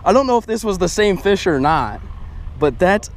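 A young adult angler vlogs from a bass boat on open water, speaking in a high-pitched, sing-song voice at normal speed. His casual style is exclamatory and slangy, often repeating phrases, picked up by a body-worn action camera with a little hiss or hum.

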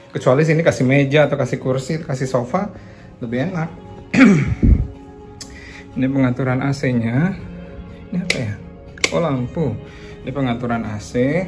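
A man giving a casual walkthrough of a hotel, chatty and quick to exclaim at what he finds. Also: mid-range voice. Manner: chatty, exclaims at discoveries, addresses viewers as guys. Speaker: hotel reviewer.

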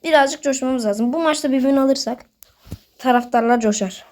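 A woman's voice: sits high, moderate pace, a little mellow. A woman giving casual commentary while playing a football manager game, getting worked up and scolding the players on screen as she talks to her viewers. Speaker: gaming video host.

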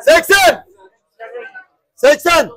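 A young man runs a pigeon auction, calling out prices again and again in a very high, bright voice. His delivery is slow and drawn out, and his throat sounds strained from hours of shouting. He keeps pushing the bidders and begging the room to quiet down. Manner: loud, repetitive price calling, pleading for quiet. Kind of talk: calling bids at a live auction.

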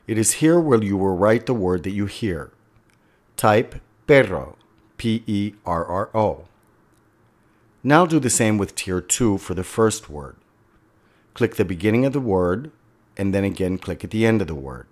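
A man narrating a step-by-step software tutorial as an instructor, a voice-over for a screen recording. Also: lowish voice, very animated, a little slow.

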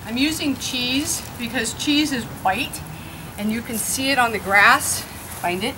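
A woman's voice: a little high, unhurried. A woman dog trainer explaining her training methods step by step, outdoors on grass. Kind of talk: instructional explanation. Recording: outdoor background noise.

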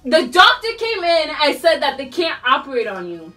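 A woman's voice: high-pitched, huge pitch swings, normal speed, sharp tone, distant mic, faint music behind. A young woman, giggly and informal, chatting casually as she reads out riddles to a friend. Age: young adult. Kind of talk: casual riddle game chat. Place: small tiled bathroom.

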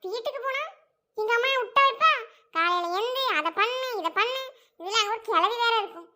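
Woman, wife in a family comedy sketch, whiny, dramatic, very high pitch, bright tone. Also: animated, a little fast. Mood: scheming.

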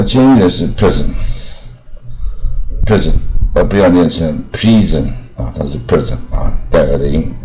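A man teaching English pronunciation, saying each word slowly several times and often ending his phrases with a drawn-out "ah". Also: a bass voice, warm tone, rough recording. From Taiwan.

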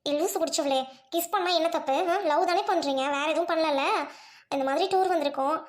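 A brash young college girl, put on by a woman who scolds and waves things off. She speaks in a bossy, deeper voice than the performer's own. It is an audio drama scene. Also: brisk, natural voice. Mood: scolding. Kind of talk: Tamil audio drama acting.

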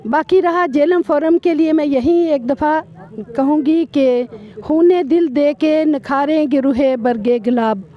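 A woman doctor, speaking briskly into a handheld mic outdoors at a cricket ground. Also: high voice. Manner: brisk, recites verse. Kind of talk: on-the-spot interview. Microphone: handheld reporter mic. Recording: slightly dull outdoor audio.

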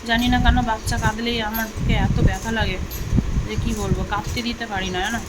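A woman's voice: on the high side, steady tone, fast talker, very noisy. A woman in her thirties from Bengal, chatting casually to viewers at home while she cleans and tidies. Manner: chatty, talks while doing housework. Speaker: vlogger. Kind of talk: casual home vlog chat. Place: home, indoors.

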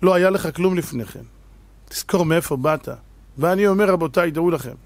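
Animated rabbi preaching. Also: male voice, fairly high pitch, no echo. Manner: animated, exhortative, dramatic. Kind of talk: sermon with humorous storytelling.

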